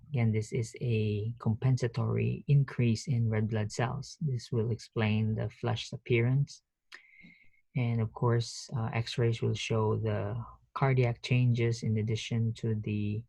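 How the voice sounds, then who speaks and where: Halting lecturer on a headset mic. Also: male voice, mid-range voice, creaky, dark tone, no room sound, poor audio. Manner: halting, many fillers and restarts. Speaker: nursing professor. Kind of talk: online lecture. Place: office.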